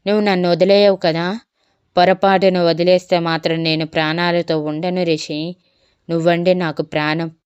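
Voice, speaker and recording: A desperate young woman in love pleads through tears, as a woman storyteller reads her. Her voice is low-pitched and very smooth, recorded close and dry in a storybook reading. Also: little pitch movement, normal speed, no echo, highs cut off, lightly acted. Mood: tearful pleading. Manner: crying, pleading.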